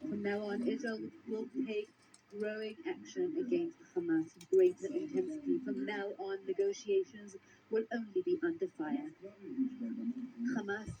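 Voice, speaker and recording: A man giving a live interpreter voice, rendering a speech in short, deliberate phrases. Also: high-pitched, sing-song, dull audio, background noise. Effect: live interpreter voice over a broadcast clip.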